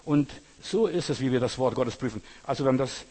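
A male preacher delivering a sermon with a husky, somewhat breathy voice. He is emphatic and repeats his points, often turning straight to the listener. His pitch sits in an ordinary middle range. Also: a little fast, darkish tone, big-room sound. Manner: emphatic, addresses listener directly, repetitive.

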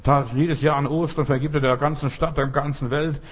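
A man preaching a sermon, emphatic and repetitive, building to loud outbursts. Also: fairly high pitch, level tone, fairly quick, husky.

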